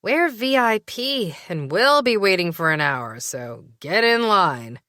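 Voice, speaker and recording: A woman's voice: mid-range voice, very animated, bright, forceful tone, dry recording, clean studio sound, pitched above the performer's own voice, full character voice. A woman voicing a tipsy, bossy female pixie bride-to-be in an audiobook. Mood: smug. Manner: drawn-out, hiccupy tipsiness.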